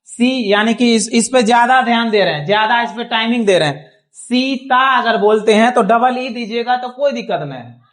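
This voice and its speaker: A man's voice: high voice, fairly bright tone. Male teacher, classroom lesson, patient, repetitive checks. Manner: patient, repeats checks like "thik hai?". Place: small classroom.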